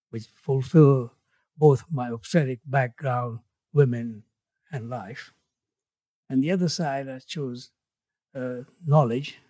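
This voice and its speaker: An interview guest in his eighties from Tanzania reflects in conversation, speaking in a measured way as his voice falls away at the ends of phrases. His voice is mid-range and warm, with no room sound.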